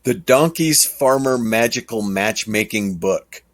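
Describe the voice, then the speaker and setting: A man hosting a podcast, talking casually in a rambling, chuckling way. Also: on the low side. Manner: rambling, chuckling, slow and drawn out. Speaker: podcast host. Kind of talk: casual monologue.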